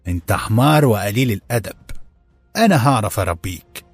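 A man reading an audiobook, voicing an arrogant young male supervisor who hurls contemptuous insults, his voice raised higher. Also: animated, brisk, husky, no room sound, faint music behind. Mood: shouting.

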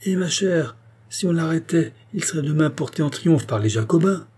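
A man's voice: mid-range voice, normal speed, warm tone, breathy edge, close to an everyday voice. A man reading an audiobook voices a proud, anguished queen, speaking in a dignified, bitter, commanding way. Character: proud anguished queen, woman, middle-aged. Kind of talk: audiobook character voice.

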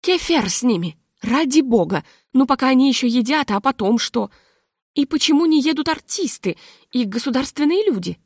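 Flustered, fussy society lady with a high, swooping voice, dry and close, as a woman narrator puts her on. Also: expressive, moderate pace, husky, dry recording, full character voice. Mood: anxious. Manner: fussy, affected, anxious. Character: flustered society hostess, middle-aged woman.

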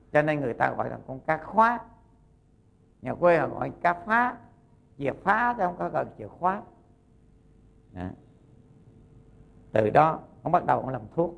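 Gravelly monk telling a folk tale. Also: male voice, on the high side. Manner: folksy storytelling, acting out the characters' lines. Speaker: Buddhist monk teacher. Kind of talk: sermon storytelling.

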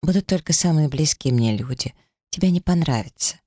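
Male narrator voicing a gentle, easily hurt young woman in an audiobook; soft pleading lilt, dry close sound. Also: fairly high pitch, animated, brisk, no room sound, pitched above the performer's own voice. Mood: tender. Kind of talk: audiobook character reading.

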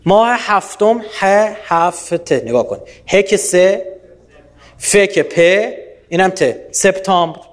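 A man from Iran giving a lively public lecture, often quizzing his audience with rhetorical questions. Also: sits high.

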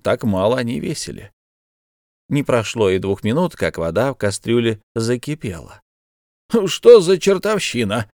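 A man's voice: lowish voice, moderate pace, gravelly, dry recording. Man reading a novel aloud, dry sound. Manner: steady storytelling, lifts voice for characters' lines. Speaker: audiobook narrator. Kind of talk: scripted narration.

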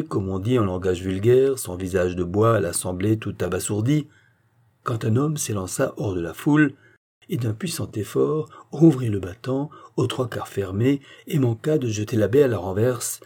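A man narrating a classic novel in a measured audiobook reading. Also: on the low side, warm tone, husky.

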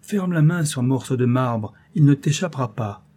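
A male audiobook reader voicing an anxious, wealthy old banker who speaks gravely and protectively to his daughter. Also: mid-range voice, lively intonation, normal speed, mellow, close to an everyday voice. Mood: lecturing.

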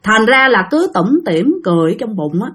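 Husky woman telling ghost stories. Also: on the high side, very animated, moderate pace, a bit bright. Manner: chatty, talks straight to listeners. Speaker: storyteller. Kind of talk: casual spoken ghost-story telling.

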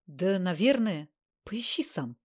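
A man's voice: sits high, very animated, slow pace, slightly rough, exaggerated voice. Woman reading as a sulky grumbling occultist. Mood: irritated. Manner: gloomy, grumbling, snapping.

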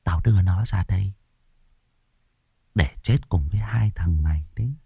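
Man doing a possessed girl, stern hushed voice like someone else talking. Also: low-pitched, moderate pace, gravelly, slightly rough, no echo, exaggerated voice. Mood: menacing. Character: young woman possessed by a vengeful spirit, stern.

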